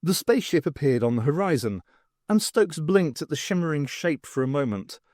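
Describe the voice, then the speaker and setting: An audiobook narrator reads scripted, dramatic science fiction narration in a fairly high, darkish voice with lively intonation at a normal speed. The recording is dry, with clean studio sound.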